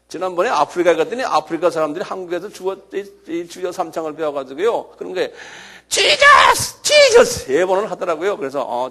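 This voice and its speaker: High, lively preaching man with a gravelly voice. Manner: animated preaching with sudden shouted cries; often asks the listeners "예?". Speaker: pastor. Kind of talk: sermon.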